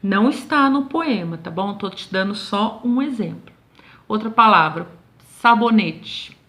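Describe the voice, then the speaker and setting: A woman's voice: mid-range voice, lively intonation, a bit bright. A woman teacher with a Brazilian accent, correcting homework for her pupils in a recorded lesson, patient and checking in often. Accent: Brazilian Portuguese. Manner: patient, slow and drawn out, checks in constantly with "tá bom?". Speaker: schoolteacher.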